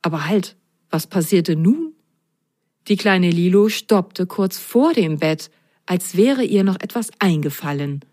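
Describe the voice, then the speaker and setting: A woman reading a children's bedtime story aloud in a gentle, unhurried storytelling manner. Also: fairly low pitch, lively intonation. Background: faint music.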